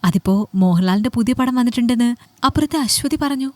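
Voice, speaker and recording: A woman's voice: on the high side, fast, no echo, natural voice. A woman voicing a hurt young housewife who pleads with her husband and broods over his coldness in an audiobook story. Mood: pleading.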